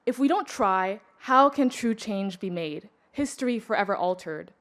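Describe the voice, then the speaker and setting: A young woman in her late teens gives a prepared public speech. She stays composed and deliberate and keeps a measured delivery. Her pitch stays in an ordinary middle range. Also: lively intonation, fairly bright tone. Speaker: student speaker.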